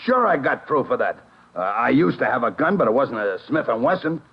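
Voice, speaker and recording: A man's voice: medium pitch, big pitch swings, brisk, slightly rough. An American man playing a cocky, evasive hoodlum under police questioning, slangy and defensive, in a 1950s radio crime drama. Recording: muffled vintage radio recording.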